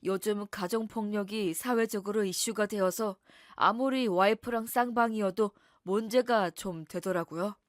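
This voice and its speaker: A woman voicing a calm, courteous male police officer at the door. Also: mid-range voice, moderate pace, dry recording, studio quality, lightly acted. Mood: formal.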